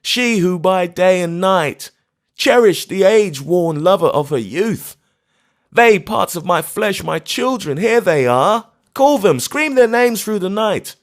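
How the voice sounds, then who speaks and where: A man voices a grief-maddened old astronomer, raving in bitter, anguished outcries pitched far above his natural voice. The delivery is sing-song and unhurried.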